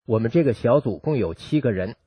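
A man reading a first-person account aloud in a steady, even narrating manner. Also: mid-range voice, brisk, breathy edge, dry recording. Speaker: reader of a personal testimony.

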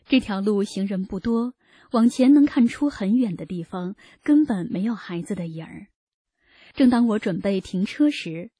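Earnest woman narrator with a warm, mellow tone, reading a personal testimony. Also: mid-range voice, breathy edge, no room sound, clean studio sound. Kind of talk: read first-person narration.

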